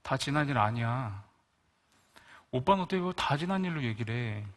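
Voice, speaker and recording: Man doing a hurt younger sister, reproachful, low, quiet, slow, storytelling sermon. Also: lively intonation, natural voice. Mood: hurt, soft. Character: grieving younger sister, a woman in her thirties, hurt and reproachful.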